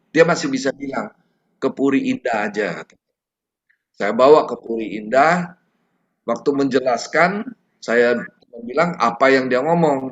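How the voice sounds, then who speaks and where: A middle-aged man giving a personal testimony at a prayer meeting, talking in a halting, conversational way with many fillers and restarts. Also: medium pitch, muffled recording. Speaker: testimony giver.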